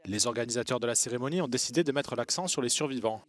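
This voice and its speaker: Male news anchor, measured scripted delivery, mid-range voice. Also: medium pitch. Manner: measured, even newsreader delivery.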